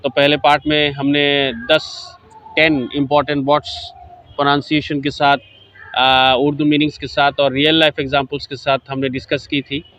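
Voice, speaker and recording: A man teaching spoken English, talking slowly with many hesitations and repeating each example sentence for learners to copy. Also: on the high side, little pitch movement, fairly bright tone. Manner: frequent hesitation fillers. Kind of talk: casual spoken-language lesson. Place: quiet corner at an event, program sounds behind. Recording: dull lo-fi dry sound.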